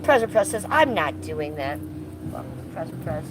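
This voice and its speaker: Sitting by a fire outdoors in a yard, a woman in her fifties chats on a livestream, reading and answering viewer comments with teasing sass. Her deep voice has a sing-song quality and a moderate pace, heard over music. The stream is noisy, full of ambient sound.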